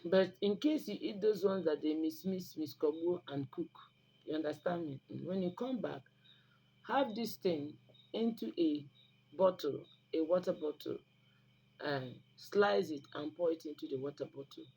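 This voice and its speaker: A woman with a low, gravelly, dark voice speaks at normal speed in a Nigerian Igbo accent, Igbo being her native language. Hosting an online video with herbal remedy advice, she talks to the camera casually yet instructively, emphatic and preachy, with phrases repeated for stress. Poor audio, and the background noise is noticeable.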